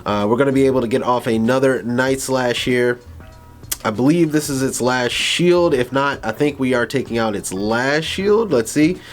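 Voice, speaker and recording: A man's voice: mid-range voice, moderate pace, faint music behind. A young man giving casual, rambling commentary over a video game battle, laughing and stumbling over his words now and then. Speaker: gaming YouTuber.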